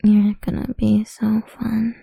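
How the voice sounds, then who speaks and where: Woman whispering slow and mean right up on the mic, dark gravelly breath, dry sound. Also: mid-range voice, completely flat delivery, dry recording. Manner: whispering, taunting, domineering; frequent soft laughs and sighs. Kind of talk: whispered audio roleplay. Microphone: close mic.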